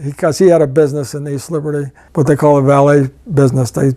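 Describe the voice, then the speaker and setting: A man's voice: a little high, level tone, fast talker, dark tone. A man, who stumbles over words a little as he recalls his youth. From Pittsburgh. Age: 80s. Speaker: veteran interviewee. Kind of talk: documentary interview.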